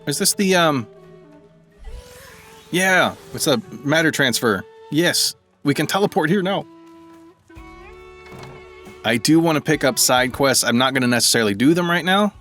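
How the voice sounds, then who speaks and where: A man's voice: fairly high pitch, lively intonation, moderate pace, long pauses, sharp tone, soft background music. A man giving casual let's-play commentary, thinking aloud and rambling as he plays. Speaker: gaming video creator.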